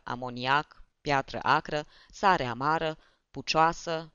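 An expressive storyteller reads the narration aloud with a lot of pitch movement. The recording is dry and a little muffled, and the voice sits at a middle pitch. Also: clean tone, no room sound. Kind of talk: audiobook narration. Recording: dull, dry.

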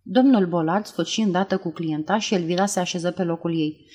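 A woman narrating an audiobook in an even, low-key reading voice. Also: husky. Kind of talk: scripted narration.

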